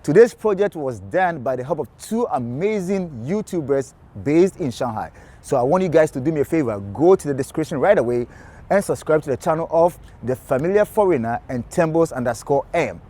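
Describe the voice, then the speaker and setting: A man hosting a street interview series, introducing the episode and asking guests brisk questions. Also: on the high side, animated, mellow. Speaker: host.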